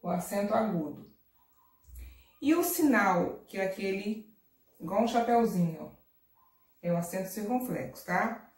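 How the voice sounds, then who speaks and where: A woman's voice: medium pitch, lively intonation, darkish tone. Patient woman teacher in an echoey room. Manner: patient, drawn-out word stress, frequent "tá?" and "ó". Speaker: primary school teacher. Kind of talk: recorded remote lesson. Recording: echoey room, distant mic.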